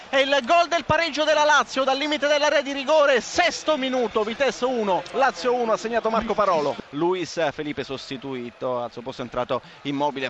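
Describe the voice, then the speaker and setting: Very high-pitched emphatic male football commentator. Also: a bit bright. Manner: emphatic, repeats key words. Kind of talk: live goal commentary. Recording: dull, noisy broadcast sound.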